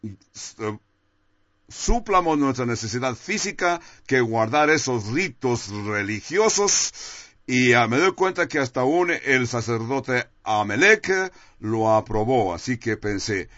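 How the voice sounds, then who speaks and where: A man's voice: mid-range voice, big pitch swings, takes it slowly, bright, forceful tone, dry recording. A man preaching a sermon and telling a personal testimony in an earnest, confessional way. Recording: dull, dry, lo-fi sound.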